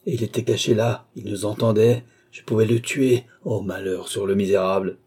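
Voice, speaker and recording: A man's voice: fairly low pitch, steady tone, moderate pace, darkish tone, slightly rough. A man voicing a grieving, hot-tempered young nobleman in an audiobook, with agitated, broken outbursts. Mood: distraught.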